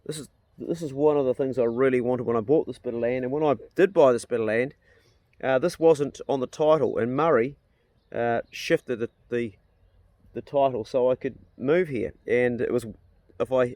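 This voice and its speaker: A man's voice: mid-range voice, a little mellow, dry recording. A man with a broad New Zealand accent chatting casually to his vlog, plain-spoken and rambling as he thinks aloud. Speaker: vlogger and landowner. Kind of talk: casual outdoor vlog chat.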